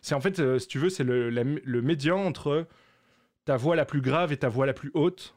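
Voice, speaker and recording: A man's voice: mid-range voice, normal speed, a little mellow. A man co-hosting a podcast in a casual, jokey, rambling way. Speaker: podcast co-host.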